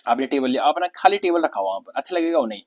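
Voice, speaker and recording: A man's voice: a little high, lively intonation, very fast, a little mellow. Hindi-speaking man teaching vocabulary. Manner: questions and answers himself, repeats key words. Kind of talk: exam-prep vocabulary lesson.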